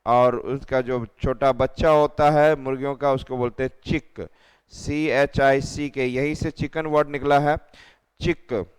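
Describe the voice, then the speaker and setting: Man spelling out words slowly. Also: medium pitch, fairly even intonation, clear, resonant tone, long reverb tail. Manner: slow letter-by-letter spelling, repeating words. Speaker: teacher. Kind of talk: spelling lesson for children.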